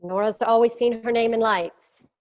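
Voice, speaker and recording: An actress playing a quiet, polite, wistful schoolteacher in a period drama screenplay reading. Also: female voice, on the high side, steady tone, moderate pace, natural voice. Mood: polite, mild.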